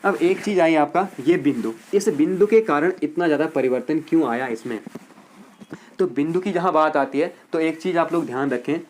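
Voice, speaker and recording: A male teacher with a fairly high voice gives a grammar lesson for exam students. He explains point by point and keeps checking in with his class. He repeats words slowly to demonstrate their pronunciation. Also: darkish tone, slight background noise. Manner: explains step by step, repeating "ठीक है" to check understanding.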